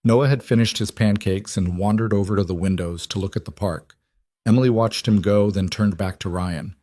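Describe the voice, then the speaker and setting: A man narrating a scripted story in an even, measured reading voice. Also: on the low side, no room sound.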